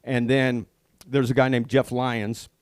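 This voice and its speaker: A man's voice: medium pitch, little pitch movement, a little slow, darkish tone, clean tone, dry recording, clean studio sound. A middle-aged man co-hosting a podcast in casual chat, telling stories earnestly about his faith. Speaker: podcast co-host.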